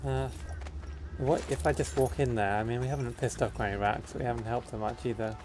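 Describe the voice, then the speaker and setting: Wry male game streamer, mid-pitched. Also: fairly even intonation, a little fast. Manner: wry, thinking aloud. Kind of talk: casual live gameplay commentary.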